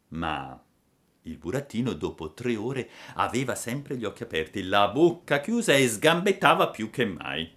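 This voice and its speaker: A man reading a storybook aloud with expressive, dramatic narration. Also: on the low side.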